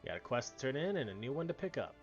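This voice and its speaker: A man's voice: mid-range voice, big pitch swings, fast talker, muffled recording. A man giving casual, offhand gameplay commentary as he streams. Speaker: game streamer reading quests aloud. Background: game music.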